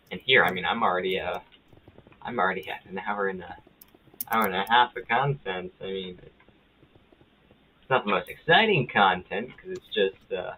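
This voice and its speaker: Guy streaming a game, kinda low voice, rambles and restarts a lot, sounds thin like a phone line. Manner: rambling, self-correcting, easily excited. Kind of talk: casual chat while gaming live. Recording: tinny phone-like audio with faint hiss.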